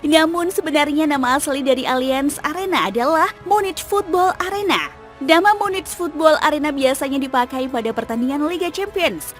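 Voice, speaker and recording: Woman narrator, high voice, reading a script steady and informative, soft music behind. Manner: steady, informative read-aloud delivery. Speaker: football channel narrator.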